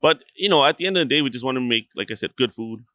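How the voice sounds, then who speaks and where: Bright-voiced, swearing, rambling man. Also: medium pitch, expressive, very fast, no room sound, clean studio sound. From Chihuahua, Mexico. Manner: loose, rambling, swears freely, many fillers. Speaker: restaurant co-owner and guest. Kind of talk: casual podcast interview.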